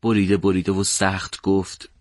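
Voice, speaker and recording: A man narrating a story for an audiobook in a measured, dramatic way. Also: deep voice, completely flat delivery, no echo, studio quality.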